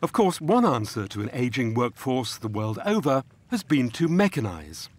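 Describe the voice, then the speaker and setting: A man giving measured, scripted documentary narration. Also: medium pitch, very animated.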